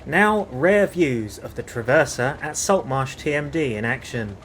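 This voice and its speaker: A man reading scripted documentary narration in a measured way, spelling out numbers and initials precisely. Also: medium pitch, expressive, fairly bright tone, slight background noise. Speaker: video narrator.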